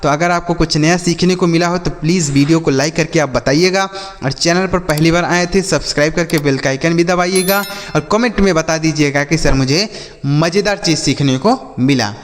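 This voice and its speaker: A man's voice: on the high side, moderate pace, big-room sound, soft background music. A male English teacher giving a classroom-style phonics lesson, repeating each word and asking the children to answer back. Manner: repeats words and quizzes children with call-and-response questions.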